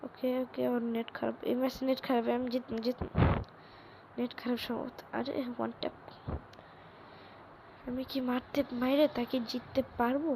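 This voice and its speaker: A chatty woman talks her way through a shooter match, hoarse from a cold, her slightly high voice rough and gravelly. She keeps pleading with viewers to like and subscribe. Loud game sounds run under her the whole time. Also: flat delivery, normal speed, pauses often. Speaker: gaming YouTuber. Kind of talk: live gameplay commentary. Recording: loud game noise behind.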